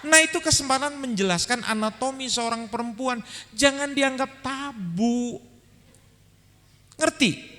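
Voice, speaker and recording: A male pastor giving a humorous sermon at a seminar, telling animated stories and speaking straight to the audience in a large hall. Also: extremely high pitch, a little slow, long pauses. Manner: animated storyteller, addresses audience directly. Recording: echoey hall with faint music.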